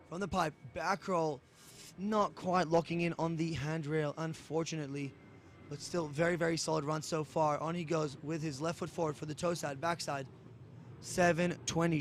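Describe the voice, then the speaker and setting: A man's voice: on the high side, steady tone, moderate pace, a little hiss or hum. A man giving technical play-by-play sports commentary. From Australia.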